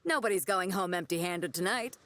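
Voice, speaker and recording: A woman's voice: fairly low pitch, a little fast, a bit bright, slight background noise, close to an everyday voice. An actress voicing a bold, generous woman ship captain in a video game, breezy, confident and casual. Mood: hearty, generous. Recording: background music under dialogue.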